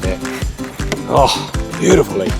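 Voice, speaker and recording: A man's voice: on the low side, very animated, slow pace, vocal fry, over loud music. A man with a New Zealand accent, a builder bantering informally and jokily on the job. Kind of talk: casual banter on site.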